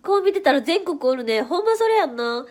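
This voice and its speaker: A woman's voice: high voice, sing-song, brisk, a little mellow. A woman with a Kansai accent and a stuffy nose, chatting playfully on a livestream and reacting to viewer comments. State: stuffy nose from hay fever. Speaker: idol livestream host. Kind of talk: casual livestream chat reading viewer comments.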